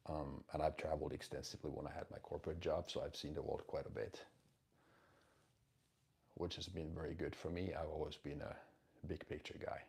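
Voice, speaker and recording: A man's voice: extremely low pitch, flat delivery, brisk, vocal fry, a little mellow, slightly rough. A man, hosting a live stream and answering chat questions in a direct, emphatic, blunt coaching tone. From Finland.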